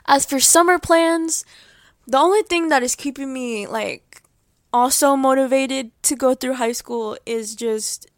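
A woman's voice: high-pitched, a little slow, no echo, clean studio sound. A young woman in her late teens hosting her own podcast, chatting about her life in a rambling, heartfelt way with many fillers and restarts, and laughing often. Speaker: podcast host. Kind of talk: casual personal update.

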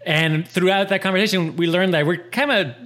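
A man's voice: high-pitched, brisk, a bit bright. A man hosting an interview, asking his guest casual, loosely phrased questions with plenty of "like" and "kinda". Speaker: interview host.

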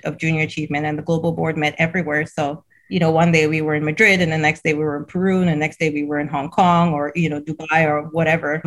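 A middle-aged school CEO from Cameroon tells her story in a casual interview, her voice low-pitched. She laughs often and repeats words as she goes.

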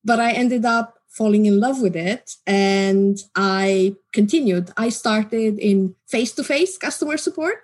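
A woman, a guest in an interview, explaining her work in a measured way. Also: mid-range voice, darkish tone. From Romania. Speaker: guest, customer support team manager. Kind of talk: interview answers.

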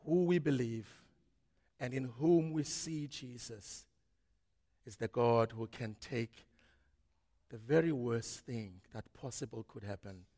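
A man preaching a sermon as pastor, swinging from loud, dramatic preaching to hushed tones. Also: medium pitch. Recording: long reverb of a large hall.

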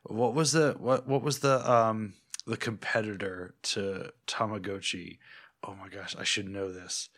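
A man's voice: lowish voice, fairly even intonation, a little slow, fairly bright tone. A man co-hosting a motorcycle podcast in casual chat, with a dry, wry delivery that builds repetitive jokes. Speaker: podcast co-host.

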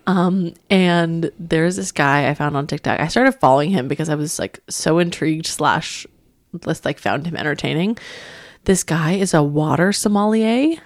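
A woman's voice: low-pitched, normal speed, dry recording, clean studio sound. A woman chatting casually as a podcast co-host, giggly and filling her talk with "like" and "um". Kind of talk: casual chat.

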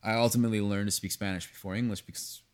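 A man in his thirties with a somewhat low voice chats openly as a podcast guest. He talks about his work with lively, unfiltered energy, dropping swear words and restarting phrases as he goes. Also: racing, clean tone. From United States, raised partly in Venezuela. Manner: candid and animated, swears freely, frequent restarts. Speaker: pastry chef guest. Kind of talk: casual podcast conversation.

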